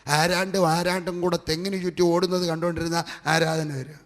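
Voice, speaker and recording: A man's voice: high voice, flat delivery, brisk. A man preaching a fervent sermon with a Malayali accent, building his points through repeated rhetorical lines. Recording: long hall reverb.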